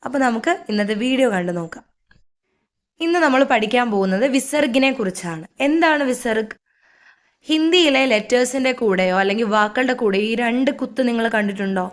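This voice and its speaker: A woman's voice: a little high, animated, fairly quick. A woman teaching a reading lesson, patiently sounding out syllables one by one and checking in with short questions. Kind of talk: slow step-by-step language lesson.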